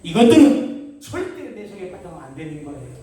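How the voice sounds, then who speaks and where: Middle-aged male pastor, revival sermon, jokes and shouts, roomy church hall sound. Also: a little high, fairly quick. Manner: animated, joking, shouts mid-sermon. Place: large church sanctuary. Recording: very echoey church hall from far off.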